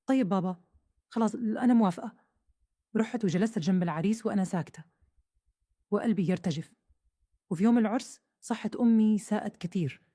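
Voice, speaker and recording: A woman narrates a first-person story at a brisk pace. Her voice is dark and mellow, and the recording is dry and close. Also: medium pitch, no echo. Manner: fast, earnest storytelling.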